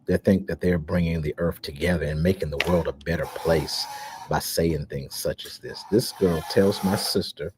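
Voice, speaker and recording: A man's voice: sits low, steady tone, normal speed, noisy background. A man talking to his followers in a casual, emphatic monologue, with plenty of fillers. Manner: emphatic, indignant, with frequent fillers. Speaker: social media host.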